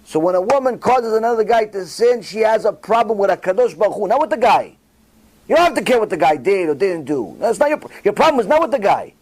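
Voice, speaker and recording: A man giving a rabbi's Torah lecture, emphatic and full of rhetorical questions, swinging widely between loud and quiet. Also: very animated, fast, poor audio. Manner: dramatic swings in pitch and volume.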